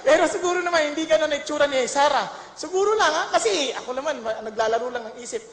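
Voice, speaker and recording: A woman's voice: sits high, expressive, fast. A woman preacher telling a Bible story to a congregation in a playful way, often laughing and asking them questions. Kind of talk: humorous Bible storytelling sermon. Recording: echoey hall with long reverb.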